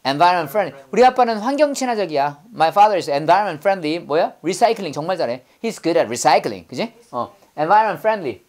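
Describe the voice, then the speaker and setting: A woman's voice: fairly low pitch, lively intonation, a little slow, few pauses, a little mellow. A woman teaching English vocabulary in class, drilling students with call-and-repeat prompts and playful memory tricks.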